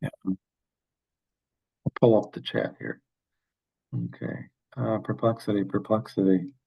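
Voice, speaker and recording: A man giving a workshop over a video call, answering questions with halting speech and frequent fillers. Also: on the low side, steady tone, gravelly, breathy edge, dull audio. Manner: halting, many fillers and restarts. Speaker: workshop presenter. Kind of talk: webinar Q&A.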